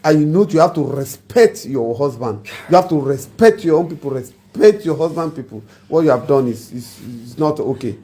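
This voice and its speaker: Guy acting as nigerian mediator scolding a cheating wife, rambly lecture, mellow voice. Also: a little high, lively intonation, moderate pace, few pauses. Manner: lecturing, rambling, mixes in pidgin. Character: scolding man mediating a marital scandal.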